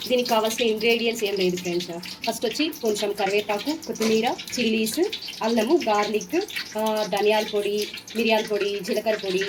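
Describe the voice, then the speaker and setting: A woman's voice: medium pitch, steady tone, fast talker. A woman cooking on camera, chatting to her viewers as she explains each step. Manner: chatty, addresses viewers as friends. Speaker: cooking vlogger. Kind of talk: casual cooking demo. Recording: noisy home recording.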